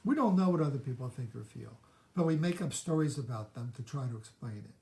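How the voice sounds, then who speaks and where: A man's voice: medium pitch, animated, brisk, creaky, mellow, reverberant. A man hosting a live self-help show, talking through his own reactions in a candid, reflective way. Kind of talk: live-streamed teaching talk.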